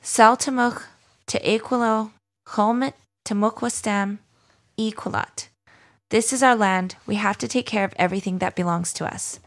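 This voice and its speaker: A woman hosting a podcast, reading announcements in a clear, announcing way. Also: mid-range voice, steady tone, normal speed. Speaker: podcast host.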